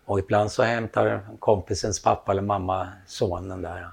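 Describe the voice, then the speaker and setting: Man, gravelly low voice, lively storyteller acting out quoted lines. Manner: animated storytelling, acts out quoted dialogue. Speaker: storyteller, photographer. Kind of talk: casual anecdote telling.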